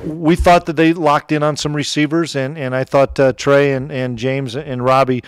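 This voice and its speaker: A middle-aged man with an Upper Midwest American accent, a head football coach answering press questions after a game in a relaxed, plainspoken way, with many fillers and restarts. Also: mid-range voice, normal speed, clear, resonant tone, no room sound, studio quality. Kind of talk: postgame press conference answers. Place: press room in front of a sponsor backdrop. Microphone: table mic close in front.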